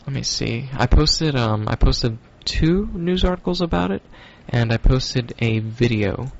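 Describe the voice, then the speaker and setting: A man's voice: mid-range voice, expressive, a little slow, gravelly, dull audio. A man hosting a casual stoner podcast, talking in a loose, rambling, profane way with lots of fillers. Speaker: podcast host.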